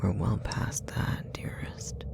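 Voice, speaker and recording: In an ASMR roleplay, a man plays a possessive, sadistic demon, whispering slowly with a breathy creak. The lightly acted delivery is mocking and goading, full of taunting, mock-affectionate menace.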